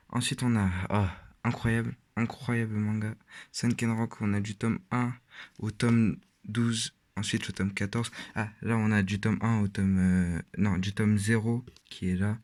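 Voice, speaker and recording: A teenage boy giving a rambling, casual tour of his shelf, with frequent fillers and restarts. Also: mid-range voice. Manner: rambling, hesitant with many fillers. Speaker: vlogger.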